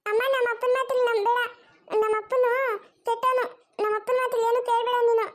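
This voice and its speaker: A woman's voice: very high-pitched, level tone, quick pace. A woman voicing a stubborn young girl who insists and repeats herself in a cartoon story. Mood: accusing. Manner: insistent, repetitive. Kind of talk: cartoon voice acting.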